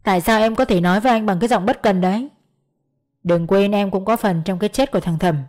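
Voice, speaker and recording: A woman doing an enraged, menacing man in an audiobook, a betrayed partner hurling accusations, with a dark, mellow tone and faint music underneath. He sounds threatening and bitter throughout. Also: mid-range voice, fast, natural voice. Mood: enraged, accusing.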